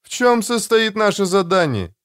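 A man's voice: sits high, sing-song, moderate pace, fairly bright tone, smooth, pitched above the performer's own voice. A man reading an audiobook, voicing a blunt, proud female army captain in a raised, clipped, insistent voice. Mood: curt, demanding. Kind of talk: audiobook character voice.

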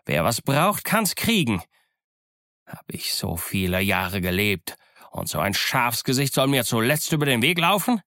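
A man's voice: mid-range voice, sing-song, measured pace, pushed and bright, dry recording, clean studio sound, full character voice. A man voicing a scheming old one-legged pirate captain who growls threats and mocks his crew. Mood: menacing, scornful. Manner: growling threats, mocking and commanding. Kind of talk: audiobook character voice.

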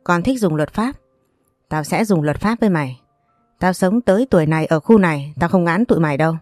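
A woman's voice: fairly low pitch, expressive, a little fast, darkish tone, dry recording, studio quality, faint music behind, close to an everyday voice. A woman voicing a firm, reproachful older man who is the family elder in a read-aloud story.

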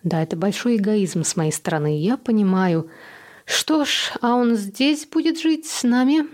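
A woman's voice: mid-range voice, animated, moderate pace, darkish tone, natural voice. A woman voicing a tearful, self-pitying middle-aged mother who asks plaintive, fretful questions. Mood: dismayed.

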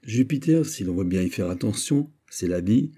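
A man voicing a witty, playful poet who argues with quick teasing replies in an audiobook. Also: fairly low pitch, expressive, warm tone. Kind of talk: audiobook character voice.

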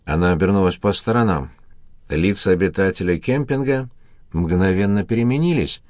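A man narrating a detective novel as an audiobook, in an even, measured reading. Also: sits low, dry recording, clean studio sound.

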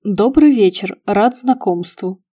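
A woman reading the lines of a courteous, sad middle-aged man in an audiobook, soft and wistful. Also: medium pitch, expressive, slow pace, husky. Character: polite, sad middle-aged male restaurateur.

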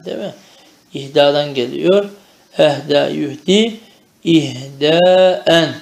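A man with a slightly high, gravelly, somewhat mellow voice teaches a traditional madrasa-style Arabic lesson in an echoey room. He chants verb conjugations in rhythmic drills, explains them in Turkish, and often checks in with "değil mi?".

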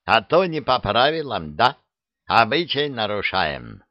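A man voicing an excitable young mountain groom with a Caucasian accent and broken grammar. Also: mid-range voice, a little slow, no room sound, muffled recording. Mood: demanding. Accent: Caucasian-style broken Russian.

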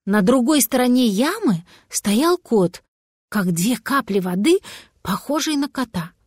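A woman narrates a children's fairy tale with lively expression. Her voice is a little high, and the recording is close and dry. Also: a little slow, slightly rough, no echo. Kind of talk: storybook reading.

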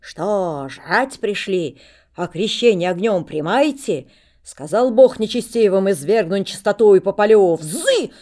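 A woman voicing a wild old holy-fool monk who shouts fierce rhyming prophecies at everyone in a storybook reading. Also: very high voice, animated, moderate pace, pitched above the performer's own voice. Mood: fierce shouting. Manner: shouts in rhyming sing-song outbursts.

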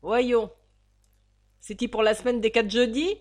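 A woman reading aloud puts on a coarse old landlady, hoarse and gravelly, who bullies loudly and then turns sly and wheedling. The voice is loud, in a storybook reading. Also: on the high side, fairly even intonation, a little slow, voice pushed up, close to an everyday voice. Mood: bullying. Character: coarse greedy old female innkeeper, ogress-like.

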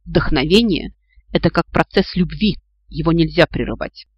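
A man's voice: a little high, expressive, moderate pace, breathy edge, dry recording. A man doing a feisty sarcastic young heroine. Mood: indignant. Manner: sarcastic, exasperated, scolding. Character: feisty sharp-tongued young woman heroine.

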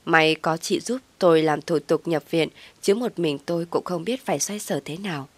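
A woman's voice: low-pitched, moderate pace, dry recording. Woman reading a first-person story. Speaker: narrator.

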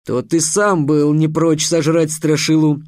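Мужчина-чтец озвучивает строгого, насмешливого декана, обучающего ассасинов; говорит наставительно и повелительно. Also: male voice, fairly high pitch, expressive, normal speed, dark tone, no room sound, studio quality, natural voice. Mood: indignant. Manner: lecturing, sarcastic, commanding. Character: stern, scornful male dean teaching assassins. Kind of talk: audiobook character voice.

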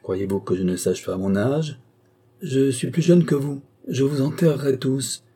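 A man reading aloud, voicing a boisterous older country gentleman who talks loudly and exclaims often. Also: mid-range voice, measured pace, breathy edge, voice pushed up. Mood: defiant, insolent. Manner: loud, blustering, exclamatory.

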